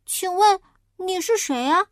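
A woman voicing a naive, chatty little boy piglet in a storybook reading, with a high, eager, innocent way of talking. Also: lively intonation, a little slow, dry recording, clean studio sound. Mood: puzzled.

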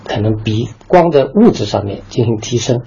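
A man's voice: mid-range voice, expressive, normal speed, gravelly, mellow, breathy edge, muffled recording. A man, a university dean of architecture, answering an interview in a formal, lecturing way.

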